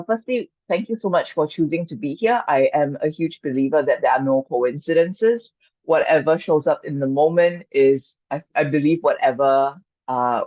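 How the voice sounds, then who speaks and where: A mindfulness and qigong coach from Singapore, whose first language is Chinese, guides an online workshop on a dull-sounding video call. Her low voice is gentle, inviting and reassuring, with no echo.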